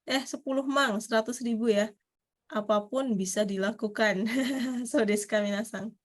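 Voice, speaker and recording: A woman teaching a Japanese class in a chatty, casual way, laughing often and reading example sentences out slowly. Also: fairly high pitch, fairly even intonation. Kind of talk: casual online class explanation.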